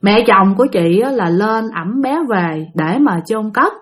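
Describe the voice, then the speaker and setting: A woman's voice: medium pitch, a little slow. A woman telling a spooky real-life story and talking straight to her listeners. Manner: animated, talks straight to listeners.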